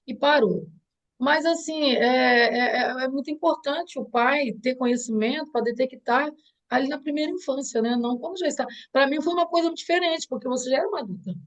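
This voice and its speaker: Earnest Brazilian mother, high voice. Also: highs cut off. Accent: Brazilian Portuguese. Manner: earnest and reflective, with frequent restarts. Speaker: interviewee, mother of the host. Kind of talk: heartfelt conversation.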